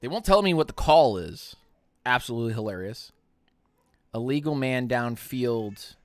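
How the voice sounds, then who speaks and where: A young man hosting a live stream, giving excitable play-by-play commentary as he watches a football game. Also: medium pitch, moderate pace, no room sound, studio quality. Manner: excitable play-by-play, rising loud on big plays.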